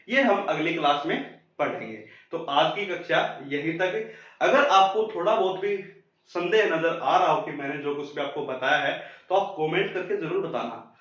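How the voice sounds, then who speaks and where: A man teaching a pronunciation lesson, repeating each sound slowly and quizzing the listener. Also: fairly high pitch, fairly bright tone. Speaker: Hindi teacher. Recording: very echoey muffled room.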